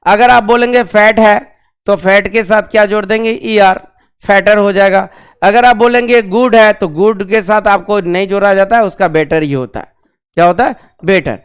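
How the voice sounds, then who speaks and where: A man's voice: high voice, smooth. A male grammar teacher giving a classroom lesson, asking the class questions and repeating key terms. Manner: drills slowly on key terms.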